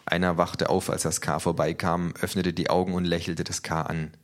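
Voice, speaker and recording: Man reading a story, deep low voice, calm and measured. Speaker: narrator. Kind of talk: scripted narration.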